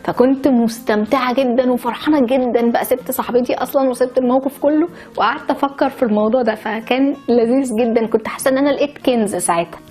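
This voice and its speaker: A woman with an Egyptian Arabic accent races through a handwriting lesson on writing letters, explaining step by step with cheerful, chatty stories mixed in. Her voice is on the high side with a darkish tone. Soft music plays in the background.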